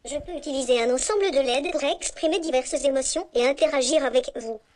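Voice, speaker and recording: A small, polite humanoid robot speaking in a synthetic woman's voice with a high, chirpy tone. It rattles through a scripted self-introduction in an even, mechanical manner. The sound is clearly a machine voice coming from the robot's own speaker on a conference stage. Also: fairly quick. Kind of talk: scripted text-to-speech demo.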